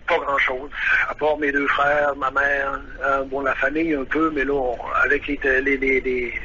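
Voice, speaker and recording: A man's voice: medium pitch, level tone, normal speed, bright, forceful tone, muffled recording, a little hiss or hum. A man from Quebec with a Quebec French accent, talking hesitantly as a radio interview guest, with many fillers as he searches for words. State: nervous. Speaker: guest musician living abroad.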